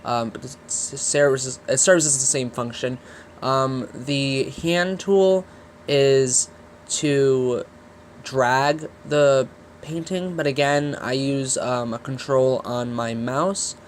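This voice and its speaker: A man with a stuffy, nasal voice from a cold, casually talking through his digital drawing process with many pauses and restarts. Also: medium pitch, slight background noise. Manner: halting, many ums and restarts. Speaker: digital art video host. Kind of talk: casual draw-along commentary.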